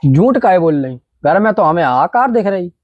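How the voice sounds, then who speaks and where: Man acting a high-pitched wily fake village holy man. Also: very animated, normal speed, muffled recording, noisy background. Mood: sly, bargaining. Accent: rural Hindi dialect of northern India. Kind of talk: comedy sketch acting.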